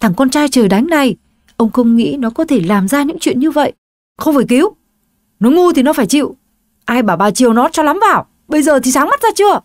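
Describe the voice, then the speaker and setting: A woman's voice: on the high side, normal speed, no echo, pitched above the performer's own voice, natural voice. Woman doing a strict angry old dad, snapping and scolding, dry audio. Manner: scolding, sharp. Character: stern older father, harsh and angry.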